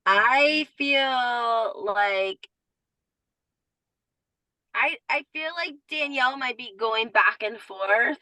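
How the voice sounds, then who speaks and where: A woman with a slightly high, sharp voice speaks very slowly with frequent pauses, chatting casually as a guest commentator. She gives blunt opinions, says "like" a lot, and a Southern US accent surfaces at times; the recording is dry and poor.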